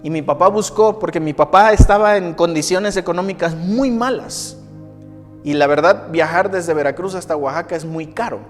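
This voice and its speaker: A pastor with a high voice delivers a sermon, repeating phrases for emphasis as he tells a personal testimony. His voice rings with the long reverb of a church hall, and soft music plays faintly underneath. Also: moderate pace. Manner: emphatic, repeats phrases for effect, acts out quoted people.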